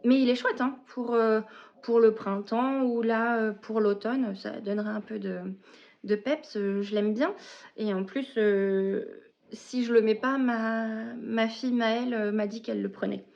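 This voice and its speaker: Chatting casually on her knitting and reading podcast, a woman hesitates and gropes for words. Her voice is fairly high, steady, a little slow and gravelly, with a lo-fi sound.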